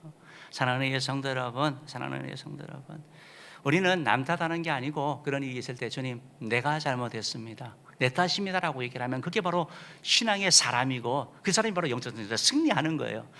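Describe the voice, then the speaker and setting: A man preaching a sermon as senior pastor, with emphatic loud rises and soft drops. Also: mid-range voice, fast, creaky. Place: church sanctuary.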